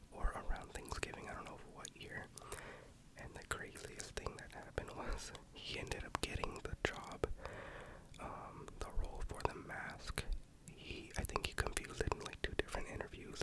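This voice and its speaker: Casual ASMR creator, fully whispered and close to the ear, loose rambling chat delivery. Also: rough recording. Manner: informal, rambling, mild swearing.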